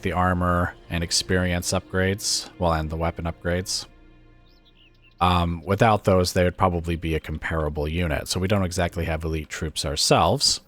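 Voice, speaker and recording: A man whose low voice is raspy and weakened by illness casually commentates a strategy game, thinking aloud with lots of hesitant fillers.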